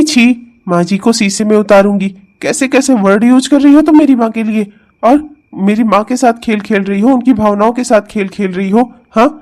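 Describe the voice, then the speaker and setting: A man's voice: sits high, darkish tone, lightly acted. A man voicing an honest young husband who sternly lectures his wife in a cartoon comedy. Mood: exasperated. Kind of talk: cartoon voice acting.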